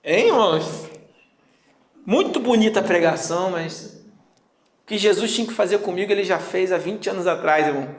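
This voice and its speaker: A man's voice: high-pitched, normal speed, pauses often. A man preaching a sermon as pastor, joking and acting out little dialogues. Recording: echoey room.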